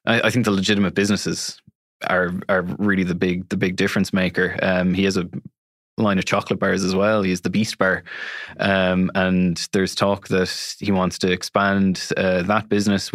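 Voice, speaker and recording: Low-pitched west of Ireland man, even delivery. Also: no room sound, studio quality. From Galway City, west of Ireland. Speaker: interview guest explaining online media. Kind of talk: conversational explainer interview.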